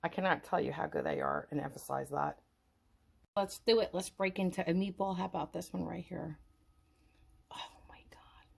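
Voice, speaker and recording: A woman with a lowish voice chats through a home cooking demonstration, calling out to her viewers and heaping praise on the food. Her delivery is casual and eager, with frequent fillers. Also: expressive, a little fast, gravelly, breathy edge. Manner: enthusiastic, repeats "guys" and praise words.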